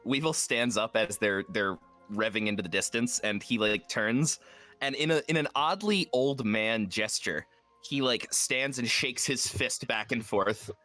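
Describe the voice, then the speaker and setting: A man's voice: mid-range voice, measured pace, bright, forceful tone, faint music behind. A man playing a tabletop role-playing game, chatting casually and tentatively as he describes his moves.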